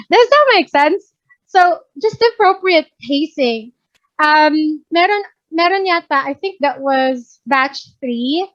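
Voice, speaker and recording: A workplace communication trainer, a woman with a Filipino English accent, speaks in a high, fairly bright voice. She teaches in a casual, chatty way, switching between Tagalog and English and often checking that she's understood. The recording is muffled, with no room sound.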